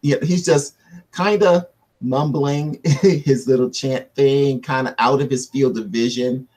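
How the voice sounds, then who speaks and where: A man's voice: mid-range voice, fairly even intonation, takes it slowly, a little mellow. A man playing a tabletop game, narrating his character's actions. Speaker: player. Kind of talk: tabletop role-play.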